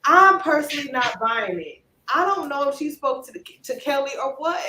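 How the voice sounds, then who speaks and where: An animated woman in her forties gives casual gossip commentary with a high voice. She stresses her points emphatically and drops low when she doubts something. The room around her adds a noticeable echo. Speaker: channel host. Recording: roomy echo.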